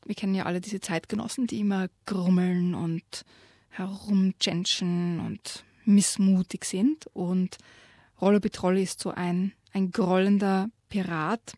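Husky woman retelling a children's story. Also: fairly low pitch, unhurried, no echo, studio quality. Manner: lively storytelling, voices quoted lines. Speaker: radio co-host presenting children's books.

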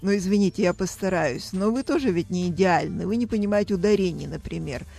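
A woman's voice: lowish voice, fast talker, gravelly, dark tone. A woman hosting a scripted mock interview. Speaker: host. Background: music.

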